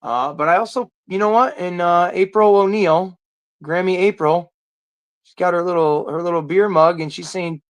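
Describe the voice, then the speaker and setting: This is a livestream host chatting casually to viewers and answering their comments. The talk rambles and drifts, with pauses while the speaker hunts for a name. The voice sits in an ordinary middle range. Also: medium pitch. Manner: rambling, searches aloud for titles.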